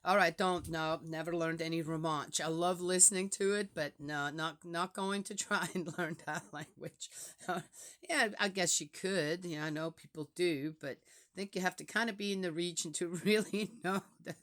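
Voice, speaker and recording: Woman, Swiss German accent, lower register, halting reflective talk full of fillers. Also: steady tone, a bit bright. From Switzerland. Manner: hesitant, many fillers and restarts.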